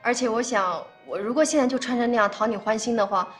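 A woman's voice: a little high, quick pace, faint music behind, natural voice. An actress playing a frank young woman in a TV drama, speaking politely with light laughter. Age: young adult. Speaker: young woman dating an older man. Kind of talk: TV drama acting.

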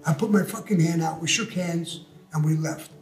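This older man, an interview guest, has a fairly high pitch and talks at a normal speed. His storytelling is blunt, profane and tough, recorded with roomy echo and faint background music.

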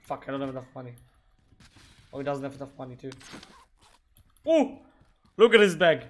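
A man streaming an online shooter game, excitedly talking to teammates and cursing at his mistakes. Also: mid-range voice, fast. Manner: excitable, swearing, shouting at teammates. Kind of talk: live gaming commentary.

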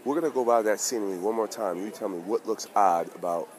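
A man hosting a casual street vlog outdoors, talking excitedly and in slang straight to his viewers. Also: on the low side, fast talker. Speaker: vlog host. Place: outdoors on busy town streets. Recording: busy street crowd and noise.

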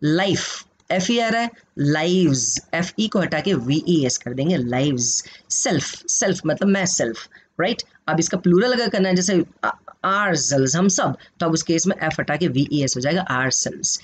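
A man's voice: on the high side, expressive, a little slow. An Indian man with an Indian accent who teaches English in an online class, mixing Hindi and English and quizzing his students. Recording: dull lo-fi sound with faint noise.

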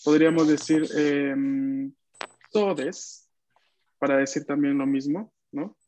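A man's voice: a little high, flat delivery, unhurried, darkish tone, a little hiss or hum. A man teaching an online class, patiently repeating phrases for students to echo back. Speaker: language teacher. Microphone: video call. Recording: dull dry video-call audio.

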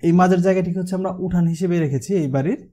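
A man's voice: sits high, racing, warm tone, a little hiss or hum. A man from Bangladesh, a house designer, walking viewers through a house plan, with a verbal filler he uses again and again. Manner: walkthrough explanation with the filler হচ্ছে used often. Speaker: house designer presenting his channel. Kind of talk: explaining a house design over a 3D model.

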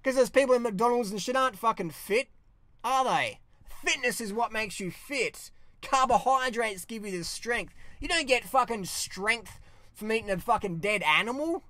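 This young Australian man's voice is extremely high, delivered at a moderate pace in a dry recording. He vents to the dashboard camera of his parked car in a casual vlog, cursing freely, speaking bluntly and waving his hands about.

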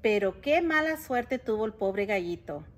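A woman reading a picture book aloud to children in an expressive storytelling manner, with chatty asides about the pictures. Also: mid-range voice, measured pace. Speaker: school board president reading to children.

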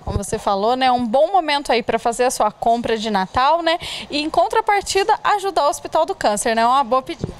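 A young woman local news reporter speaks into a handheld microphone in a friendly, upbeat tone, often adding little tag questions. Her voice is notably high. Faint noise sits behind her. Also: animated, fast, hardly any pauses. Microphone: handheld reporter mic.

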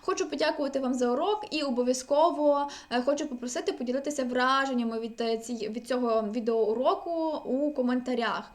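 A woman language teacher giving an online exam-prep lecture, energetic and often checking in with her students. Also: high voice, a little fast, few pauses.

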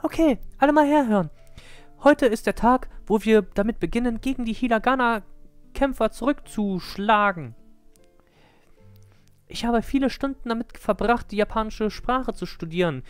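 Man doing eager young heroine, high falsetto-ish pitch, loud, stumbling live read, faint music behind. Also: moderate pace, smooth, no echo. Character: eager young heroine leading her village. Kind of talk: live-read game dialogue.

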